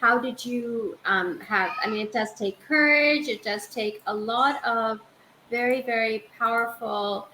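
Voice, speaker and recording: A woman's voice: a little high, unhurried. A woman hosting an interview, asking long, enthusiastic, framing questions. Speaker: interview host. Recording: echoey room with faint noise.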